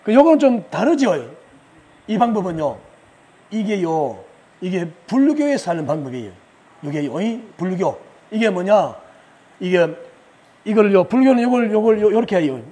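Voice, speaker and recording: A man giving a lively lecture at a religious retreat, asking questions of the audience, answering them himself and chuckling as he goes. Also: high voice, moderate pace, pauses often, breathy edge. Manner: chuckles often while he explains.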